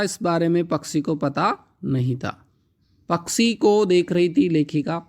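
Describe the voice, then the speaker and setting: A man teaching a poetry lesson, his voice sitting a little high. He reads each line at a very unhurried pace. Then he breaks it down in a plain, patient teaching tone. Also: a little mellow. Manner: reads lines slowly, then explains them in a plain teaching tone.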